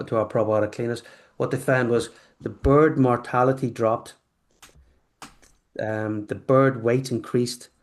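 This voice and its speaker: Man from the UK in a casual interview; halting, restart-heavy delivery. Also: medium pitch. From United Kingdom. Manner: halting, many restarts and fillers. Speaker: probiotics company guest.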